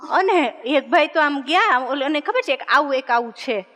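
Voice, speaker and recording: Woman comic, bright high voice, chatty joke-telling, reverberant hall. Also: expressive, normal speed, slight background noise. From Gujarat, India. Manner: chatty storyteller acting out dialogue. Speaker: comedian.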